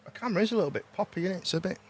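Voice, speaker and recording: A British man with a slightly high voice hosts a casual livestream. He talks informally, circles back over his own phrases and often tacks a question onto the end. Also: expressive, very fast, slight background noise. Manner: informal, repeats himself, ends on tag questions. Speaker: host.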